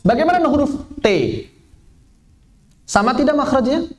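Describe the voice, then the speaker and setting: Animated high-voiced male teacher. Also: normal speed. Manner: animated, asks and answers his own questions. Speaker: Quran recitation teacher. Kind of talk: lively spoken lesson. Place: event hall, live workshop.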